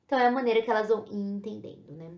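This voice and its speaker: A woman's voice: mid-range voice, very fast. Brazilian woman lecturing in an echoey room. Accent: Brazilian Portuguese. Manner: explanatory, frequent "né?" tag questions. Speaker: teacher. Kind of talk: recorded lecture. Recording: echoey room, dull lo-fi sound.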